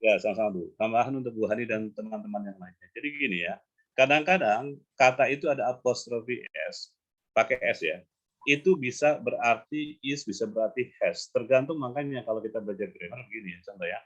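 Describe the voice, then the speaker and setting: A man teaching English grammar in a casual online lesson, explaining patiently and repeating examples slowly over a video call. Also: mid-range voice, a bit bright, dull audio. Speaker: English coach.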